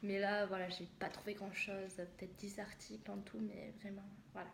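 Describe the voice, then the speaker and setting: Chatty young woman with a creaky voice. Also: mid-range voice, little pitch movement, moderate pace. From southwest France. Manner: chatty, hesitant with many fillers. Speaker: vlogger. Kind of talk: casual haul video. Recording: echoey room with noise.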